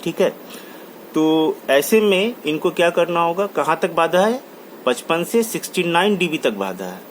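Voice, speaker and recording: A man's voice: fairly high pitch, sing-song, measured pace. A man giving a classroom lecture, repeating key terms and restating each point, mixing English terms into his talk. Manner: mixes English terms into Hindi. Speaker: college lecturer. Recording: faint background noise.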